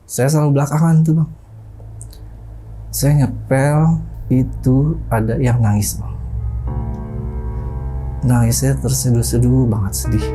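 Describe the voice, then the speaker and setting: A man's voice: mid-range voice, mellow, slightly rough. A young man casually telling a personal ghost story in a chatty way, often calling his listener "Bang" and imitating the sounds he heard.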